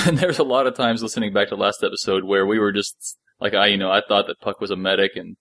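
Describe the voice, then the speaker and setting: A podcast co-host chats casually about an audio drama in a rambling, jokey, informal way. His voice is lowish and fairly bright in tone, and he talks at a quick pace.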